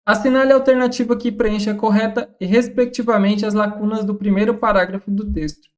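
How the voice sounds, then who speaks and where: A woman's voice: medium pitch, steady tone, brisk. A woman with a Brazilian accent walking through exam questions as a Portuguese tutor, reading each question and methodically ruling out the answers. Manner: methodical, reads questions then rules out options. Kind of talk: scripted exam-question walkthrough.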